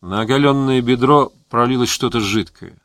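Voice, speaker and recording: A man narrating an audiobook in a measured, steady reading voice. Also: mid-range voice, no echo. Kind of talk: scripted narration.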